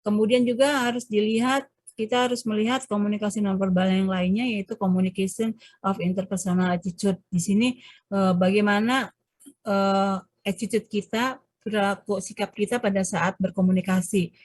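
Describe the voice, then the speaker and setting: A woman's voice: normal speed, no echo. Woman lecturing over a video call. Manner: explanatory, frequent hesitations and self-corrections; animated, shifts pitch to demonstrate examples. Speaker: university lecturer. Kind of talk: online class lecture.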